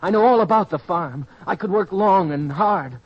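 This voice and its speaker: An actor playing a humbled young prodigal son, earnest and pleading, in an old-time radio drama style. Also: male voice, high-pitched, lively intonation, normal speed. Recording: dull, lo-fi radio-style recording.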